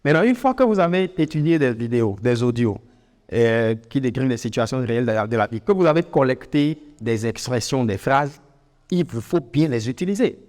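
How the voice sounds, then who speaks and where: A man with an African French accent giving an informal spoken lesson as a teacher. He talks in an animated way, with many fillers and repeated words. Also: mid-range voice, fairly quick, long reverb tail. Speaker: English teacher.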